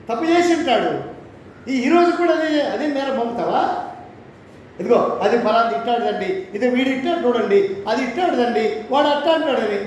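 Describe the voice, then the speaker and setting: A man's voice: high-pitched, darkish tone, a little hiss or hum. A man preaching a sermon, emphatic and repetitive, firing off rhetorical questions. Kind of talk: Telugu church sermon on Job. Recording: echoey church hall from far off.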